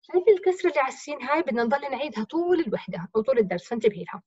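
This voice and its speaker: A woman's voice: sits high, big pitch swings, very fast, mellow, husky, dry recording, muffled recording. A woman teacher with a Levantine accent, explaining grammar step by step by asking and answering her own questions in a recorded lesson. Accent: Levantine Arabic. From Jordan.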